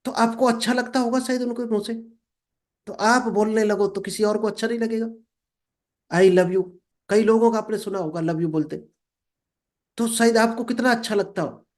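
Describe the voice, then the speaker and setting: High-voiced man giving a motivational talk. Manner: reads English lines slowly, then explains them; addresses listeners as friend. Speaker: motivational speaker.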